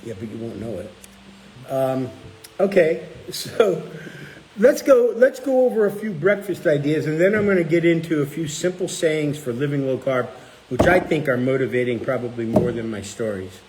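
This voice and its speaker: A man's voice: on the high side, normal speed, slight background noise, poor audio. A middle-aged man hosting a casual chat, telling stories and acting out the people he quotes. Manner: animated, acts out quoted people. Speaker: cookbook author and channel host.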